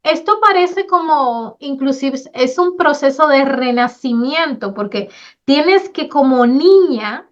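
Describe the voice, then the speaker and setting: A woman's voice: high voice, lively intonation, takes it slowly. A woman hosting a faith-based podcast interview, who affirms and encourages her guest and brings in scripture. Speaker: podcast host. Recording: slightly dull recording.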